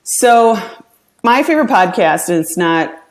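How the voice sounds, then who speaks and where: A middle-aged woman chatting as a podcast guest, upbeat and quick to laugh as she tells stories. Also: medium pitch, expressive. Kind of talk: casual interview chat.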